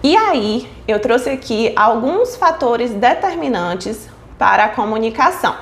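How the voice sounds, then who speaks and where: An echoey room carries a woman's very animated, somewhat high voice at a measured pace. She gives an explanatory online lesson on child speech development, often checking in with listeners with "certo?" and "tá?".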